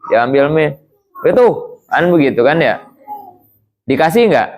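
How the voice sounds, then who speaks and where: A man's voice: fairly high pitch, big pitch swings, a little slow, a little mellow. A man teaching an Islamic creed lesson to young students in a conversational way, often putting questions to his listeners. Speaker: religious teacher.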